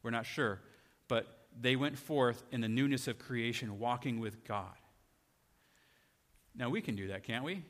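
A man's voice: medium pitch, unhurried, a bit bright. A man preaching a sermon in a conversational way, often asking his listeners rhetorical questions. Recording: long hall reverb.

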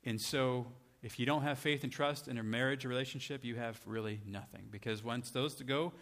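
A man preaches a conversational sermon, often putting rhetorical questions to his listeners. His medium-pitched voice is brisk and a bit bright, and the recording carries a long hall reverb.

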